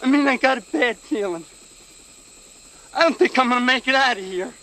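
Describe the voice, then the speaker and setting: A man's voice: very high voice, brisk, sharp tone, heavily acted, poor audio. An actor playing a nervous, fearful man in a film scene, talking in an anxious, pleading way. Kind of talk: film dialogue.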